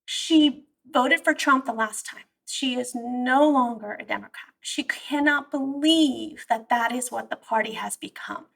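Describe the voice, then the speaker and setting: A woman's voice: on the high side, unhurried, gravelly, hardly any pauses, a bit bright, distant mic, rough recording. A woman, born abroad and raised in California, speaking earnestly and emphatically as an interview guest, often restarting her sentences. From born in Iran, raised in the San Francisco Bay Area. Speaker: guest therapist. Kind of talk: conversational interview.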